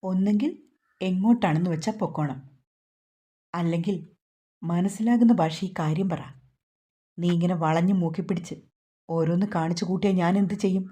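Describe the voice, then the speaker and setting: A woman voicing a gruff, hot-tempered young male lorry driver who talks sternly and scolds. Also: fairly low pitch, normal speed, long pauses, warm tone, close to an everyday voice. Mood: scolding.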